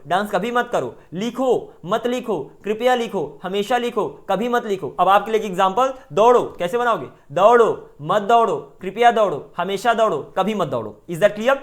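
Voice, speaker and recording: Man, Indian English accent, high-pitched, chatty online grammar teacher who keeps checking in with students. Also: fairly bright tone. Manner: chatty teacher, mixes Hindi and English, repeats checks for understanding.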